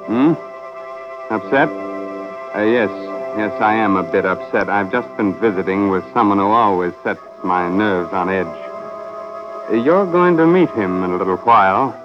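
An actor playing a courteous, sinister host of macabre radio tales, deliberate and theatrical. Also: male voice, fairly low pitch, natural voice. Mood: sly, mock-uneasy. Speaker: horror show host. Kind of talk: old radio horror host and narrator. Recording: dull old radio recording with music.

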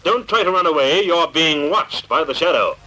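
An actor playing an unseen, menacing crime-fighter, accusing and commanding in a theatrical old radio drama style, through a filtered voice. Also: male voice, on the high side, expressive, normal speed, bright, forceful tone, poor audio. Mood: accusing, stern. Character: unseen avenging crime-fighter, menacing, mocking invisible man. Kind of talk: vintage radio drama acting.

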